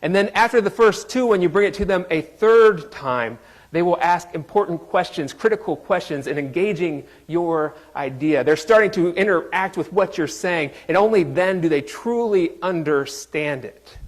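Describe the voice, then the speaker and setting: A man's voice: sits high, moderate pace. A man preaching a sermon in a conversational, joking way, quizzing his congregation. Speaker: pastor.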